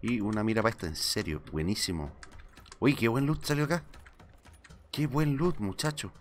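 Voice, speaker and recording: A man streaming live gameplay, talking excitedly to himself and greeting his chat. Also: on the low side, moderate pace, a little hiss or hum.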